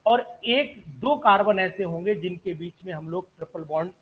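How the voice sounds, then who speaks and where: A man's voice: high voice, moderate pace, narrow, tinny audio. A man teaching an online chemistry class, politely asking students questions and calling them sir.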